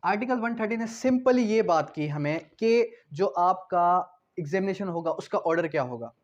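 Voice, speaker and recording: In a dull, lo-fi recording, a man gives an explanatory law lecture, reading out legal articles and paraphrasing them as he moves between Hindi and English. His voice sits high and sounds animated, at a moderate pace. His didactic style includes repeating points and posing rhetorical questions.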